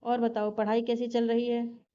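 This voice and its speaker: A woman's voice: a little high, monotone, moderate pace, warm tone, lightly acted. A woman voicing a chatty, affectionate middle-aged aunt. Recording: dull lo-fi recording.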